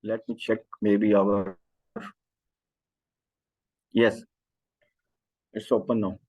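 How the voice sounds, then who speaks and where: A man giving informal software training, speaking in a halting, hesitant way with phrasing. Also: fairly low pitch, flat delivery, slightly rough. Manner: halting, hesitant non-native English phrasing. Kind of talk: informal online training session. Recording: dull, lo-fi online call audio.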